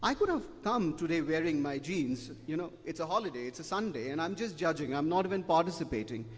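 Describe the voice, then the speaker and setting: A quick, animated, somewhat high voice belongs to a middle-aged debate judge giving feedback to students. His comments are emphatic and repetitive, each ending in "okay?", and the recording carries long hall reverb.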